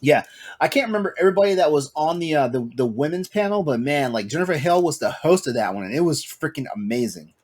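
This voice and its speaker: Animated podcast host, man. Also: a little high, quick pace. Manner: animated, excitable, many fillers. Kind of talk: casual podcast chat.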